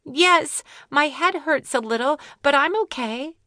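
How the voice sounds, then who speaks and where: A woman's voice: high voice, measured pace, sharp tone, no echo, studio quality, pitched above the performer's own voice. A woman voicing a spirited twelve-year-old girl in a children's audiobook, earnest and a little defensive.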